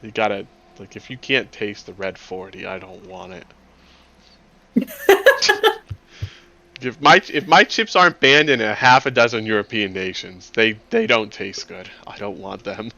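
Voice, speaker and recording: A man's voice: lowish voice, lively intonation, a little slow, gravelly, sharp tone, dull audio. A man running a tabletop game as game master, talking in a rambling, chatty way and laughing often.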